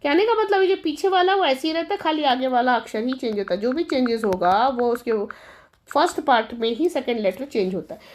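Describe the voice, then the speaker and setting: A woman with a high voice teaches a classroom-style grammar lesson. She works through each example step by step, posing questions and answering them herself, and she calls her students children. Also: a little fast, darkish tone.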